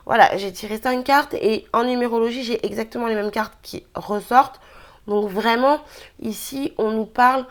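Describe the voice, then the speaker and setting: Chatty woman reading tarot cards. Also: mid-range voice. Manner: chatty, hesitant with many fillers. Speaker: tarot card reader. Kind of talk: casual daily card reading.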